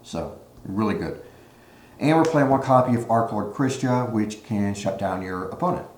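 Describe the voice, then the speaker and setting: Low-pitched man, low-quality echoey audio. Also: normal speed, a little hiss or hum. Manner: relaxed, explanatory, frequent "uh" fillers. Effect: low-quality audio without his usual mic. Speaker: card game YouTuber. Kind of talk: casual deck walkthrough. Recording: echoey room on a makeshift mic.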